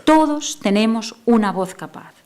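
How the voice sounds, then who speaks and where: In a lecture hall, a Catalan-native woman speech therapist gives a conference talk, expressive and unhurried, shifting between a soft lowered voice and emphatic bursts.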